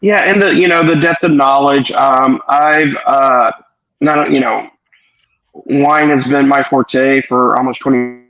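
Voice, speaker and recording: Man on a glitchy, breaking-up video call. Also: medium pitch. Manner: halting, full of ums and restarts. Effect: choppy, glitchy video call audio that keeps breaking up. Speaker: wine shop owner. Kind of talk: interview guest over a video call. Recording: dull lo-fi call audio.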